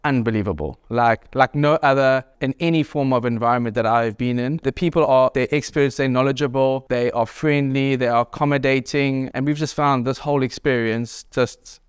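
A South African man in his thirties giving a reflective testimonial interview in a bright clinic lounge, with lots of "you know" fillers. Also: mid-range voice, fairly even intonation, normal speed, few pauses, smooth, no echo, studio quality. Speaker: clinic patient.

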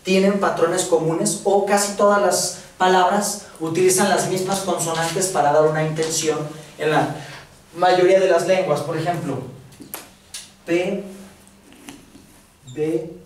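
A man's voice: sits high, steady tone, measured pace, long pauses. A man with a Mexican accent giving a casual, slangy classroom lecture, checking in with his students. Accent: Mexican Spanish. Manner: casual, slangy lecturing with filler words and questions to the audience. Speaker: course instructor. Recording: echoey room, voice from far off, faint noise.

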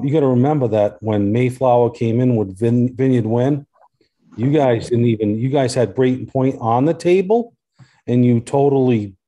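A man's voice: medium pitch, warm tone. A man speaking as a local resident at a public hearing, earnest and insistent, often repeating his points.

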